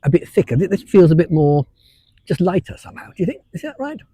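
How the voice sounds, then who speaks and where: A man's voice: sits high, sing-song, fast, mellow, a little hiss or hum. A man co-hosting a casual chat podcast, teasing and playful. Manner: playful, teasing, chuckles often. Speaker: podcast co-host.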